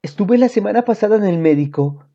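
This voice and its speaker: A woman reading aloud, voicing a gentle, cheerful young mother in a children's storybook with a sweet, sing-song manner. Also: medium pitch, lively intonation, a little fast, pitched above the performer's own voice. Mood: tender. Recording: dull lo-fi audio.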